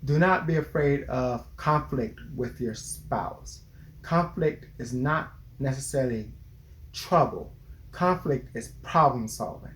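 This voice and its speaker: A man's voice: mid-range voice, slow, fairly bright tone, slight background noise. A young man, a therapist, earnestly giving relationship advice in casual chat, sometimes restarting his sentences. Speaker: therapist co-host.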